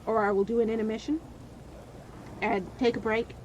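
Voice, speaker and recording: A woman streaming gameplay, her voice hoarse and wearing out, rambling and venting between comments on the game. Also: fairly high pitch, flat delivery, moderate pace, lo-fi sound, a little hiss or hum.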